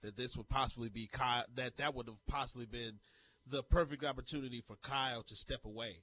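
A man's voice: medium pitch, fairly even intonation, a little fast, pushed and bright. A man co-hosting a morning sports talk radio show, chatting casually and jokingly with lots of fillers. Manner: jokey, rambling, with many fillers. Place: radio studio.

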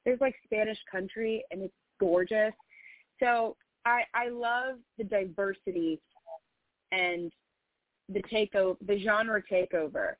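Over a dry, tinny, phone-like line, a singer-songwriter talks slowly in a mid-range voice. She's heartfelt and earnest in this relaxed interview, leaning heavily on "you know."

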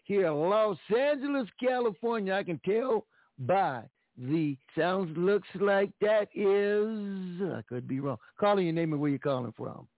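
A male radio host with a gravelly, slightly high voice takes callers in a casual, chatty way. The sound is dry and thin, like it is coming through a phone line. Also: expressive, a little slow, dry recording. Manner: casual, chatty, takes calls with small fumbles. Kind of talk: call-in radio hosting.

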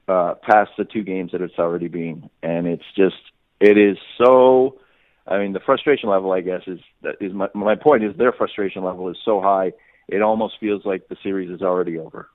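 A sports reporter appearing as a podcast guest offers unscripted sports analysis, often repeating and rephrasing as he reasons aloud. His voice sits low, and the recording is dry, with phone-quality sound.

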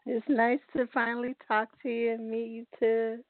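A woman's voice comes through a tinny phone line as she calls in to a radio show. She speaks earnestly and from the heart, in a flat, even tone with little rise and fall. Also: a little high, moderate pace, no room sound. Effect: heard over a phone line. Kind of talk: call-in chat.

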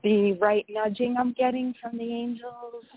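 Breathy woman calling in by phone. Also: a little high, little pitch movement, a little slow, dry recording. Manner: polite and tentative, many "um"s. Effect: caller heard over a phone line. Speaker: radio show caller. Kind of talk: casual call-in question. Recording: tinny phone line.

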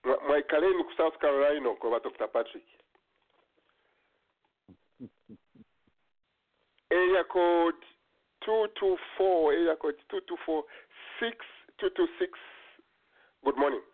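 A man's voice: fairly high pitch, unhurried, long pauses. A man hosting a casual radio call-in chat, often repeating his words as he goes. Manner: stammering repetition of words and phrases. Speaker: radio call-in show host. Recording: tinny phone-like radio sound.

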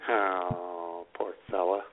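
An American man co-hosts a radio show full of casual, irreverent comedy, exclaiming often and swearing mildly. His voice is low and level, and he draws out his words. A noisy crowd sits beneath the tinny, band-limited radio sound.

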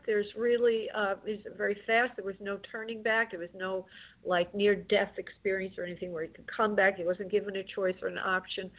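A woman working as a psychic medium on a call-in show, giving spoken spirit readings in a gentle, consoling way with affectionate endearments. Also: mid-range voice. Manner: gentle, consoling, using endearments like love and honey. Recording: tinny phone-like call-in audio.

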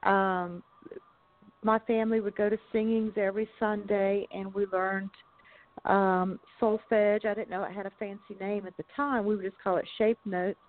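A woman's voice: mid-range voice, flat delivery, moderate pace. Give me a woman heard over the phone, with a thin, tinny sound. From Southern United States. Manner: thoughtful, with frequent ums and restarts. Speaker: guest musician. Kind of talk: casual interview chat.

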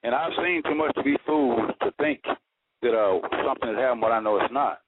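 A man's voice: medium pitch, fast. A man calling into a radio show over the phone, talking in an earnest, folksy way with homespun sayings. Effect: heard over the phone. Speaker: radio call-in caller. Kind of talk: casual call-in talk. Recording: tinny phone line with static.

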